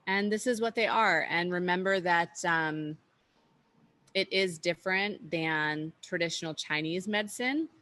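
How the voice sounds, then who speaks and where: A woman's voice: lowish voice, a little slow, pushed and bright. A woman teaching an online workshop, explaining at an easygoing pace with frequent fillers and restarts, over a video call.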